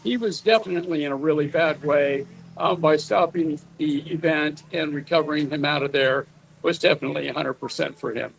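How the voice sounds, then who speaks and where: Man, recovery crew, matter-of-fact, husky, fairly high pitch. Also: a little fast, low-quality recording. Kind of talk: interview answers. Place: outdoor off-road race event.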